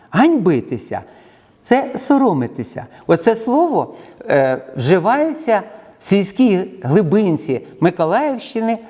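A man's voice: a little high, a little mellow. A middle-aged man with a Ukrainian accent giving a lecture, listing words one by one and explaining each, with frequent hesitation sounds. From southern Ukraine. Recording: long reverb in the room.

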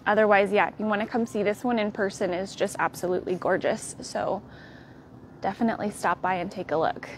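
A young woman with an American accent hosting a live tour of a quilt fabric shop, walking the aisles and showing products in a friendly, unhurried way. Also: medium pitch, slight background noise. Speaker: quilt shop staff host.

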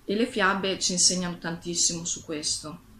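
A woman's voice: on the low side, fairly even intonation, normal speed, a bit bright, a little hiss or hum. A woman casually reading a storybook aloud and reflecting on it, in a thoughtful, slightly hesitant way.

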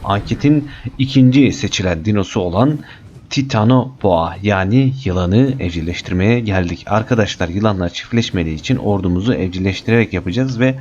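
Excitable gaming host. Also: male voice, lowish voice, a little fast, lo-fi sound, a little hiss or hum. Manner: chatty, excitable, swears lightly at game creatures. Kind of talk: casual gameplay commentary.

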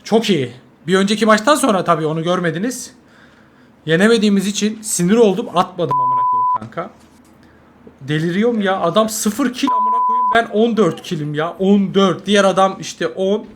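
A young man, a mobile game streamer, giving live gameplay commentary, swearing constantly and swinging from angry yelling to low muttering. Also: expressive, normal speed. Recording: noisy game audio behind.

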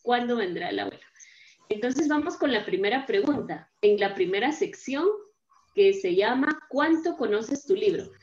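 A woman's voice: on the high side, lively intonation, normal speed, darkish tone, echoey room, highs cut off. Patient woman teacher on a video call. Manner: patient, explains step by step, often checks with "¿verdad?". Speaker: primary school teacher. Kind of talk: online class instruction.

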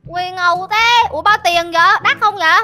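Excitable woman co-player, very high and bright voice, rapid delivery. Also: soft background music. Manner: excitable, full of exclamations. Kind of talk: excited game chat.

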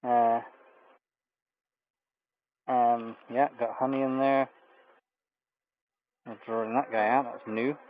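A beekeeper streaming live from an outdoor bee yard speaks slowly at a medium pitch, pausing often and filling gaps with casual, hesitant fillers as he inspects a hive. He's off frame on a camera mic, and the audio is narrow and tinny.

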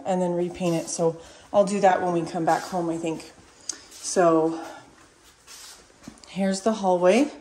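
Here a weary vlogger speaks with a warm, medium-pitched voice over a slight hiss or hum. Chatting informally, she walks the camera through rooms of her home that are being renovated.

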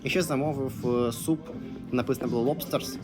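Guy chatting thru his travel vlog, relaxed n conversational, soft music behind. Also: mid-range voice, fairly quick. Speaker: travel vlogger. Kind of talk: casual travel vlog narration.

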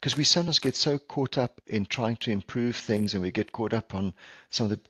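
Presenting at a conference by video call, this palliative care doctor speaks earnestly, often restarting and saying um. He is middle-aged, South African-accented, and Portuguese by native tongue, with a medium, slightly bright, husky voice that moves fairly quickly. There's no echo, and the audio comes through a headset or laptop microphone.

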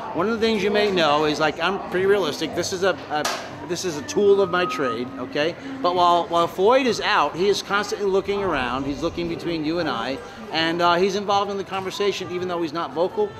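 A man's voice: sits high, quick pace. An American man in his sixties, chatting in an upbeat, casual interview as a ventriloquist. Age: 60s. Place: large open-sided fairground shed.

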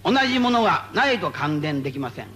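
A man giving spoken Buddhist guidance to a gathering, playful and animated, repeating phrases for emphasis. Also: fairly high pitch, quick pace, faint music behind. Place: meeting before a live audience.

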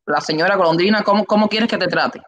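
A young man with a Cuban accent hosting a live online interview, announcing with enthusiastic, drawn-out emphasis from a room on his webcam. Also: sits high, fairly bright tone, muffled recording. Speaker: host. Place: indoor room. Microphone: webcam, video call.

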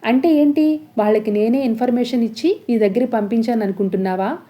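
A woman's voice: on the high side, fairly quick, dull audio, lightly acted. Woman voicing a scheming sly schemer. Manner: defensive, sly. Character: scheming middle-aged woman villain.

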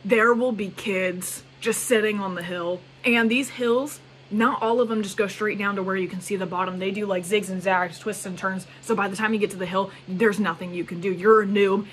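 Animated young woman telling a story. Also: mid-range voice, normal speed, slight background noise. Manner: animated, exclamatory retelling with quoted asides. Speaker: vlogger. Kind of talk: casual storytelling vlog.

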